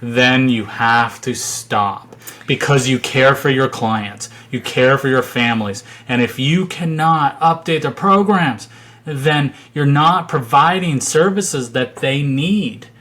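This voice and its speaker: A man co-hosting a podcast, with a voice of ordinary middle pitch. He speaks earnestly and emphatically. He often cuts in with quick agreement. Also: fairly bright tone. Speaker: podcast co-host. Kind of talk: casual chat.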